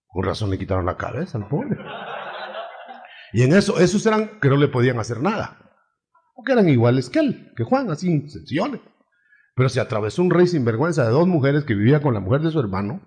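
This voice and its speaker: Animated, humorous male preacher. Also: mid-range voice, a little fast. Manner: animated, humorous, acts out quotes. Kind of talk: sermon.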